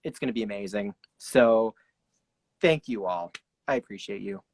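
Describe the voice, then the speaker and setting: A man's voice: lowish voice, moderate pace, a little mellow, no room sound. A man hosting a casual interview show over a video call, upbeat, loose and chatty. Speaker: host.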